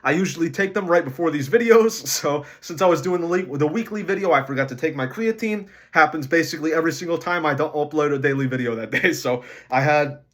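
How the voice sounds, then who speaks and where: A young man with a slightly high voice chats through his daily weight-loss vlog. He talks casually and rattles off calories and protein in quick lists. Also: a bit bright. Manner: chatty, rattles off food numbers quickly. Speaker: vlogger tracking diet and weight loss.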